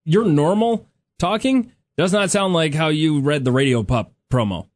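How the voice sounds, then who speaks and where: A man's voice: on the high side, normal speed, no echo. A man co-hosting a radio morning show, bantering playfully and laughing often. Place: radio studio. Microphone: studio mic.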